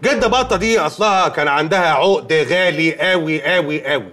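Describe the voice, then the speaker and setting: A man's voice: a little high, quick pace, music in the background, lightly acted. An actor with an Egyptian accent playing a deferential man telling a silly tale in a melodramatic, sing-song way, in a TV sitcom. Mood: storytelling. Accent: Egyptian Arabic.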